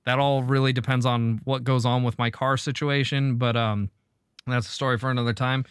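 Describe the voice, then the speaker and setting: Male podcast host, easygoing and rambling, smooth voice on a dry mic. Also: mid-range voice, fairly quick, dry recording. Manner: relaxed, rambling, hums filler sounds. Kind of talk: casual chat.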